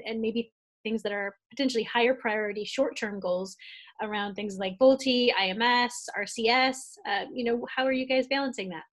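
A woman interviewing a guest on a video call from a home office, friendly, with some fillers. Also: fairly high pitch.

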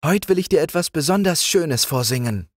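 A man's voice: fairly high pitch, lively intonation, moderate pace, no room sound, clean studio sound, pitched above the performer's own voice. A man voicing a sweet, chirpy nightingale princess in a storybook reading. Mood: joyful. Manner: light, chirpy.

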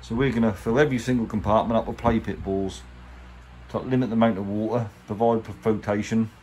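A boat restorer with an English accent presents a how-to, speaking in a lowish, darkish voice that is steady in tone and a little fast. His hands-on tutorial is chatty, colloquial, casual and plain-spoken, captured as a handheld workshop recording with clear background noise.

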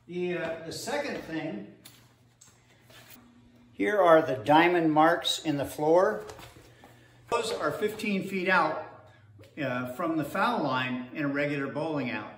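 Older man joking through a slow home lesson. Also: on the high side, a bit bright. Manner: joking, playful, rambling with fillers. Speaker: host. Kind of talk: comic how-to demo. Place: hallway of a home, indoors. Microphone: wireless earbuds. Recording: echoey hallway with faint noise.

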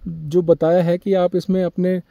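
A man with a high voice asks polite, appreciative questions in an interview. His tone is mellow and dark rather than bright. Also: flat delivery, measured pace, gravelly, no room sound.

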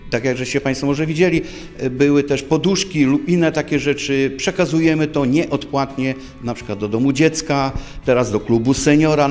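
A man's voice: medium pitch, darkish tone. A man in his sixties giving a spontaneous interview statement, hesitating and repeating words as he goes. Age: 60s. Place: indoor office. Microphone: handheld microphone in front.

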